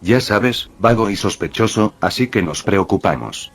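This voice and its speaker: A man's voice: lowish voice, expressive, normal speed, breathy edge. A man reading a joking teenage sidekick. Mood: casual.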